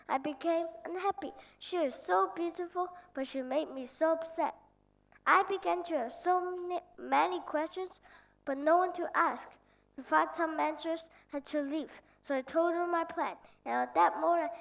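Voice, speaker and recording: Earnest young prince, very high voice with some fry, questioning. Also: female voice, a bit bright, full character voice. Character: earnest curious little boy prince. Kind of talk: stage play performance. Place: school auditorium stage.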